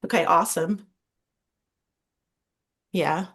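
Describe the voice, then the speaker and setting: Low-voiced woman with Southern US accent. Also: slow pace, a bit bright, breathy edge. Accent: Southern US (Georgia). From Georgia, United States. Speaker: Reiki practitioner, guest speaker. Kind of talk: informal explanatory talk. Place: on an online video call.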